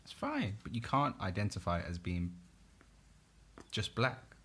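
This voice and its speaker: Man, very low voice, insistent, casual podcast debate. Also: wildly swooping pitch, a little slow, a bit bright, breathy edge. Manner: insistent, repeats no over and over. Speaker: podcast co-host.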